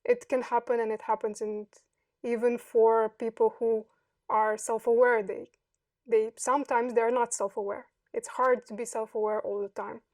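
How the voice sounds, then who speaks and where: A woman in her thirties from Romania, answering interview questions slowly and with care, pausing often to find her words. Her voice sits fairly high but stays flat and even. It sounds dry and set back from the microphone. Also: no echo, recorded from a distance. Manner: thoughtful, hesitant, many pauses and fillers. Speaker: podcast guest.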